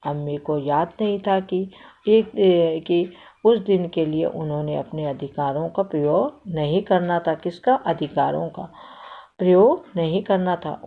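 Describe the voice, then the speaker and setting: A woman's voice: on the low side, gravelly. A woman teacher reading a story aloud to a class, stopping to quiz the children and repeat their answers. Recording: tinny phone-like audio.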